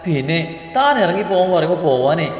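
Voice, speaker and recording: A man voicing a feisty, sharp-tongued young bride in a storybook reading, answering back with defiant, mocking retorts. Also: fairly high pitch, very animated, fairly quick. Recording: echoey room with long reverb, faint music.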